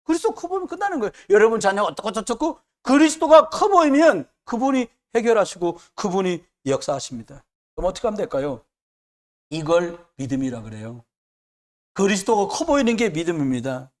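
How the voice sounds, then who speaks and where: A man's voice: sits high, very animated, a little fast. A man preaching a sermon as pastor, emphatic and repetitive, with joking asides.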